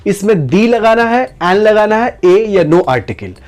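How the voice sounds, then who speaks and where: High-voiced man teaching an English lesson. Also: a little slow. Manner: talks in a steady run, repeating and stretching out example sentences. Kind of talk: spoken lesson to camera.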